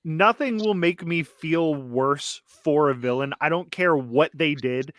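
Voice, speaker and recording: A man chatting with friends on a podcast, drawing out his words slowly. His voice sits a little high for a man, and the sound is dry and close. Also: fairly bright tone, no room sound. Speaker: podcast co-host. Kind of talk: casual chat reacting to a recap.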